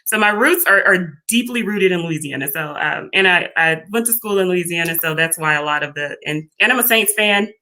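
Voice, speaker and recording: A woman from Houston, a small business founder, talking as a guest in a casual interview, friendly and relaxed with plenty of ums. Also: fairly low pitch, a little fast, hardly any pauses. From Houston, Texas.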